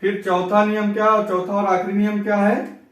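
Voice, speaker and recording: A man teaching a grammar lesson, dictating slowly phrase by phrase and repeating examples aloud. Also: high voice, level tone, fairly bright tone. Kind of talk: classroom lesson. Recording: echoey room, from a distance.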